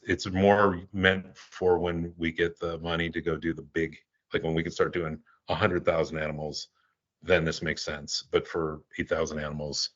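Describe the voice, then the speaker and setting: An older man, a guest in an interview, telling stories casually and rambling with halting restarts. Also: very deep voice, a bit bright, lo-fi sound. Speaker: guest, animal relief volunteer.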